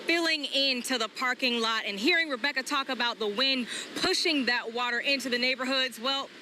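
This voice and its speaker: A woman field reporter giving a live storm report outdoors, projecting forcefully in the wind. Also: high-pitched, moderate pace. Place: outdoors on a flooded street by a marina. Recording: outdoor vehicle and ambient noise.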